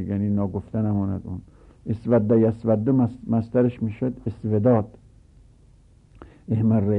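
A man with a husky, gravelly, fairly low voice gives a grammar lesson, rattling off verb conjugations in quick lists, one form after another. The sound is thin, like it's coming through a phone.

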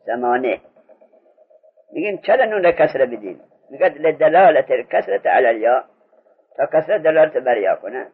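A man's voice: a little high, lively intonation. A man teaching an Arabic grammar lesson, patiently drilling a student with repeated questions. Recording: muffled lo-fi recording.

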